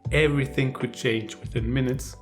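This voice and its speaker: A man's voice: medium pitch, fairly even intonation, moderate pace, over music. A man co-hosting a casual podcast chat, talkative and teasing, often restarting his words. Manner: chatty and teasing, with restarts and stammers. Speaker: podcast co-host.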